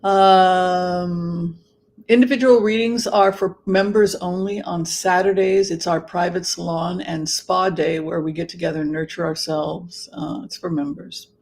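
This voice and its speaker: A livestream host chatting casually with viewers in a theatrical, camp manner, with halting, drawn-out phrasing. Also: mid-range voice, fairly even intonation, darkish tone. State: allergies, occasional throat clearing. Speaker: livestream host and tarot reader.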